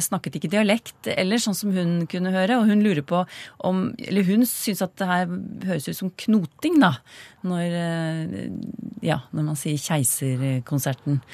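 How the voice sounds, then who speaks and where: A woman hosting a radio program, reading listener questions aloud in a clear, even manner. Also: lowish voice, no room sound.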